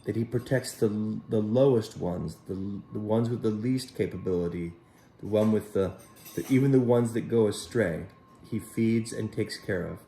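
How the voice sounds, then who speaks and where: A man reads children a Bible story aloud, his voice on the low side and his pace gentle and unhurried, pausing to talk to them directly as a Sunday school teacher would. The recording carries a little hiss or hum.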